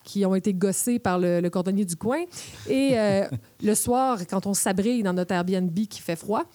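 A Quebec radio columnist with a Québécois accent talks in a playful, chatty way, explaining through examples. Her warm, mellow voice is medium-pitched at a moderate pace, recorded close and dry with no room sound.

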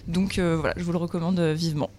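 A woman's voice: fairly low pitch, fairly even intonation, fast talker, a little mellow, slight background noise. A woman recommending a film on a radio show, hesitant and apologetic, filling gaps with fillers. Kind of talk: casual radio chat.

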